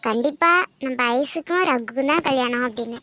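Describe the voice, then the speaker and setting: A woman's voice: high voice, normal speed, no room sound, close to an everyday voice. A woman voicing a hurt, reproachful cartoon mother. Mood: hurt pleading. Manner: reproachful, emotional. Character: grieving middle-aged mother, hurt, pleading. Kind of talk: animated cartoon voice acting.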